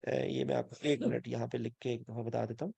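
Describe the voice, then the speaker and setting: A man's voice: medium pitch, little pitch movement, creaky, dark tone, slightly rough, no echo. A man with a Pakistani Urdu accent teaching Quran and Arabic grammar in an online class, explaining step by step, checking in with his students and mixing English words into his speech.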